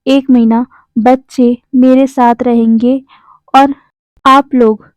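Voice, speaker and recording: A woman's voice: a little high, little pitch movement, slow pace, dry recording. A woman voicing a stern young man who scolds his partners and children, in a plain reading voice. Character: stern young male mother-figure, bossy with partners. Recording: slightly dull, dry close recording.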